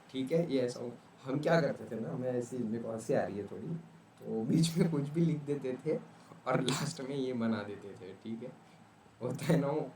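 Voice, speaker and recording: A man's voice: on the high side, far from the mic, slight background noise. Casual man tutoring in an echoey room. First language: Urdu. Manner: casual, repeats "ठीक है" often. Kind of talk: exam revision lecture.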